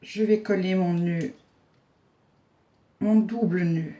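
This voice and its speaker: A woman with a chatty, homely manner walks viewers through a craft project step by step. She narrates while her hands are busy, fills pauses with small fillers, and jokes about herself along the way. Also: fairly low pitch, fairly even intonation, mellow, highs cut off. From Belgium. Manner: self-mocking humor. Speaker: craft tutorial host. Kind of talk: casual step-by-step craft tutorial.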